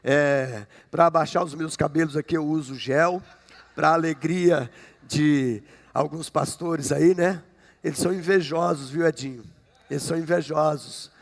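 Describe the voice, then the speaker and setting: A man in his fifties from Brazil, a pastor preaching a conversational sermon to his congregation, often checking in with "né?". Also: high voice. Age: 50s. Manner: conversational preaching with frequent "né?" and jokes. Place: church sanctuary. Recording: long hall reverb.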